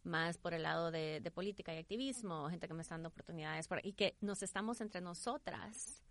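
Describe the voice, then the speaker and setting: Animated, informal woman being interviewed. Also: on the low side, brisk. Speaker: interview guest, entrepreneur. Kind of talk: conversational interview.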